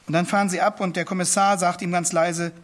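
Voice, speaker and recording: A man's voice: high voice, flat delivery, quick pace, fairly bright tone. A man preaching a sermon, retelling a story in an earnest, storytelling manner that rises to emphatic declamation.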